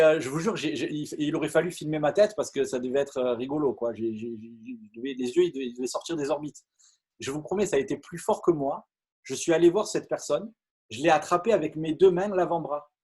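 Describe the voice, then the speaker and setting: Husky, excitable middle-aged Frenchman. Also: on the high side. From France. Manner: lively, repeats words and stumbles, many fillers. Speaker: network marketing speaker. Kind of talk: animated storytelling talk to an audience.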